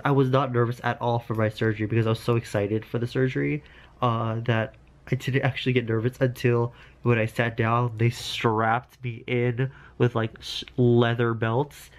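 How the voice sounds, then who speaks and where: A man chatting casually to camera as a vlogger, congested from nose surgery, with playful, campy asides. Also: mid-range voice. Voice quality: congested, blocked-nose sound after nose surgery.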